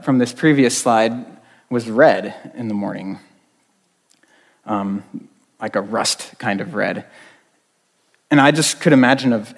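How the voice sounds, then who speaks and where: A man preaching a sermon as a youth pastor, talking conversationally with many fillers and restarts. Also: mid-range voice. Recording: long reverb of a large hall.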